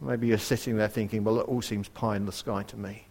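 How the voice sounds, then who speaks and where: A man preaching a sermon in an earnest way, asking his listeners direct questions and dropping to a hush for quoted verses. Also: lowish voice, flat delivery, fairly quick. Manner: varies loudness widely, dropping to a near whisper for quoted verses.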